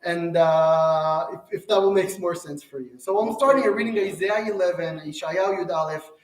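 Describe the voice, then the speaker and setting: Speaking at normal speed with a high-sitting voice, a Torah teacher lectures earnestly before a live audience, often repeating and restarting phrases. The mic is far off in an echoey room.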